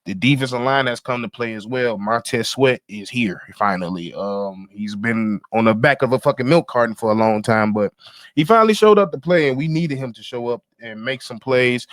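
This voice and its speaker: Young male sports podcast host, mid-pitched and relaxed, laid-back and slangy, dry close mic. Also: dry recording. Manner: loose and conversational, with frequent fillers and swearing. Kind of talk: casual sports talk.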